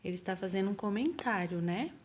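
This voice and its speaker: Lady teacher talking to little kids, slow and patient, keeps asking if they got it. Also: mid-range voice, expressive, very noisy. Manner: slow, patient explaining with frequent "tá bom?" checks. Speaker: primary school teacher. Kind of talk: recorded remote lesson for children.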